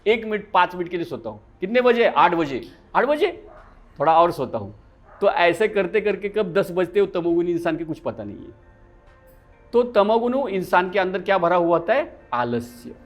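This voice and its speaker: A yoga teacher lectures his class in a high, animated voice that swings widely in pitch. He keeps putting questions to the room and answering them himself. Faint music plays behind him.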